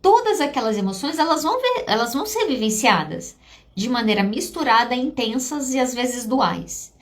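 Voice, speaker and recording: A woman's voice: on the high side, big pitch swings, normal speed. A woman from Brazil, a psychologist and host, talking to her audience in a personal, storytelling way, her voice catching with emotion at times.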